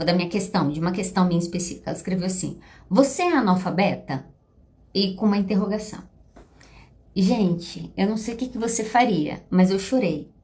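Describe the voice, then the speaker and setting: A woman's voice: fairly high pitch, a little mellow. A Brazilian woman, a psychologist hosting a podcast, talking casually and confidingly to her listeners. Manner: chatty, confiding, addresses listeners as "gente". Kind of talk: casual personal talk to listeners.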